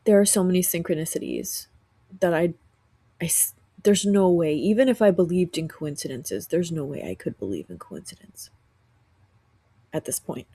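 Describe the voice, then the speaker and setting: A woman podcast host, sick and rough-voiced, talking earnestly from her couch at home in a reflective spiritual monologue with frequent restarts. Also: lowish voice, expressive, normal speed, dark tone, no room sound.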